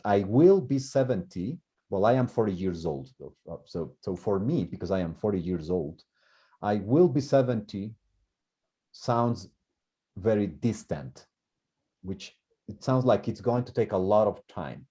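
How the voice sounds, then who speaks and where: There's a deep, mellow male voice here, a language teacher talking through grammar in class. Thinking aloud, he keeps restarting and repeating words. The lo-fi recording sounds muffled.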